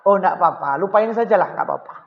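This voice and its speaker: A man voicing a humble, patient old male imam who answers softly and mildly. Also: high-pitched, quick pace, roomy sound, highs cut off. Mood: calm. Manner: soft, dismissive, understated replies.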